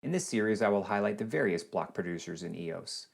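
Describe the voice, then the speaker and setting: A man reading a scripted series introduction in a measured, deliberate way. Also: lowish voice, animated, vocal fry, breathy edge. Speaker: series host.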